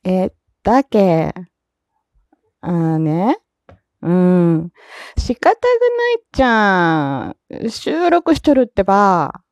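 A woman's voice: mid-range voice, big pitch swings, takes it slowly, long pauses, no echo, pitched below the performer's own voice. A woman acting out one side of a phone call as a young, affectionate woman with a put-on Fukuoka dialect, coaxing and teasing her partner. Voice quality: sweet, playfully coaxing.

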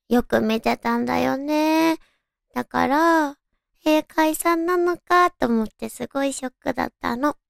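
A woman chats casually to her radio listeners in a high, cute anime-girl voice. It is very smooth and clean, recorded dry and close, and she muses aloud as she goes. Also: no echo. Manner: chatty, musing aloud to listeners. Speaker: radio show host. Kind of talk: casual solo radio chat.

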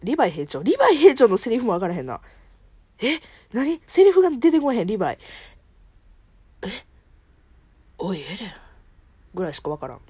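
A woman's voice: on the high side, wildly swooping pitch, very fast, mellow, husky, no echo. A woman with a Kansai accent talking alone in a playful, self-mocking, chatty way as host of a solo audio show. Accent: Kansai Japanese. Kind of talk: casual solo talk with impressions.

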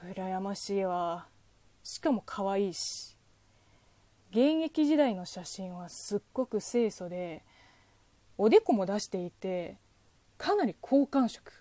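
A young woman whose first language is Chinese, hosting a casual solo podcast and chatting in a lively way with self-deprecating asides. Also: mid-range voice, takes it slowly, long pauses, dry recording. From China. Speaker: podcast host.

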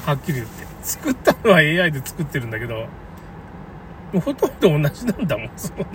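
Fast-paced and highly animated, a man with a fairly high voice gives a conversational, opinion-heavy ramble about a local flood. It's a noisy recording from a distant microphone, with cars and outdoor sounds around him.

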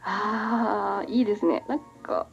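A woman's voice: medium pitch, a little slow, vocal fry, highs cut off, soft background music. A woman hosting a casual chat. She giggles a lot and teases her guest playfully. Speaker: podcast host.

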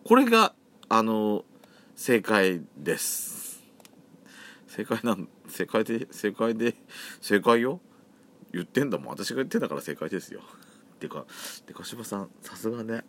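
A man from Yamagata with a Yamagata accent chats solo on his podcast in a fairly low voice. His pitch swings widely and lively as he talks. The phrasing is chatty and campy. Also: moderate pace, long pauses. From Yamagata, Japan. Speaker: podcast host. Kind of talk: solo casual chat.

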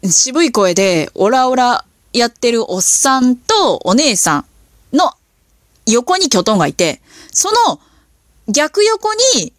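A woman hosting a casual solo talk, telling stories in an animated, chatty way with lots of fillers. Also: a little high, no echo, clean studio sound. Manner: animated storytelling with impressions. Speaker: podcast host.

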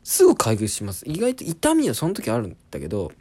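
A man's voice: medium pitch, huge pitch swings, a little fast, dark tone, slightly rough. A man in his twenties, a comedian hosting a podcast, telling an embarrassing story in a casual, self-deprecating comic monologue. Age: 20s.

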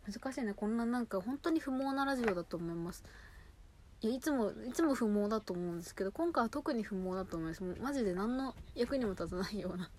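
A woman chatting casually and without a script as a show host, gushing excitedly and muttering asides to herself as she handles things. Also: mid-range voice, fast talker, a little hiss or hum. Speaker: host of a personal audio show. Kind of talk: casual unscripted chat to listeners while unboxing and sorting cosmetics.

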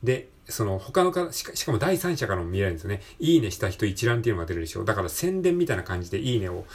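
Racing along in a lowish, slightly mellow, husky voice, a Japanese podcast host sounds very animated. He delivers a casual solo motivational talk, encouraging and chatty, regularly checking whether the listener agrees.

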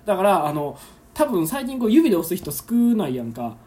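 A man's voice: high-pitched, sing-song, brisk, a little mellow. A man with a Kansai accent hosting a casual solo radio chat, reading listener letters and acting out awkward moments with lots of laughter. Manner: chatty, laughing often, acts out awkward moments. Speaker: podcast host. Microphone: phone, streaming live while recording.

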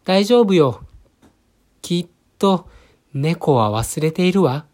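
A man voicing a greedy, timid little baby bird who pleads in a high, plaintive voice. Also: normal speed, lightly acted. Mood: carefree.

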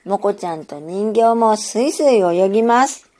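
A woman narrating a children's story in a gentle, measured storytelling manner. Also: mid-range voice.

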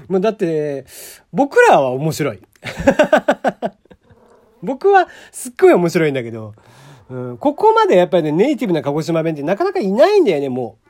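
A man's voice: sits high, huge pitch swings, moderate pace, long pauses, darkish tone. A man from Kagoshima hosting a casual solo podcast, chatty, laughing often and using many fillers. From Kagoshima, Japan. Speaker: podcast host.

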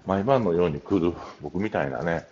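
A man's voice: low voice, moderate pace, darkish tone, lo-fi sound, slight background noise. A middle-aged man with a Kansai accent, hosting a casual solo talk show and telling stories in a chatty, meandering way. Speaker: podcast host.

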